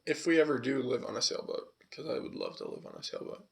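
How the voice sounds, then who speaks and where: His medium-pitched, gravelly voice swoops wildly in pitch and moves fast. He's a California podcast co-host with a slight Southwestern tinge, drifting through loose, casual talk laced with fillers and profanity.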